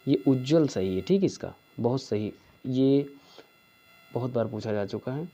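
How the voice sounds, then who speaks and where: Dude teaching spelling for exams, slow and patient, keeps saying "theek hai", kinda muffled audio. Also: male voice, mid-range voice, animated, dark tone. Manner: slow, repeats each answer with a checking "theek hai". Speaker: Hindi teacher. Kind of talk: exam-prep spelling lesson.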